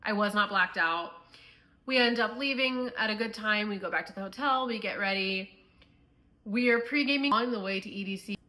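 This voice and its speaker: Young midwest girl doing a storytime vlog, bright sharp voice, lots of likes. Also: medium pitch, moderate pace. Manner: chatty storytelling, filler-heavy. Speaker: vlogger.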